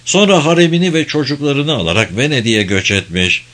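A man's voice: medium pitch, very animated, brisk, a bit bright. Man reading an audiobook. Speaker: audiobook narrator. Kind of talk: audiobook narration.

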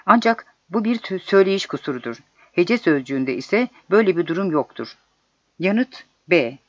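Here a high-voiced man narrates exam prep material, reading each question and solution slowly and deliberately but in an animated manner. The audio is lo-fi, dull and completely dry.

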